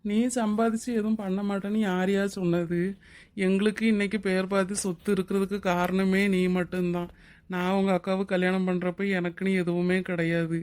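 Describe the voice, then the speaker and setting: Played by a woman, a generous middle-aged husband in a cartoon speaks with a level, even tone. He talks in a warm, steady, reassuring way to his wife and her brother. His pitch stays flat and mid-range. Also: a little fast, lightly acted. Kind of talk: Tamil cartoon drama voice acting.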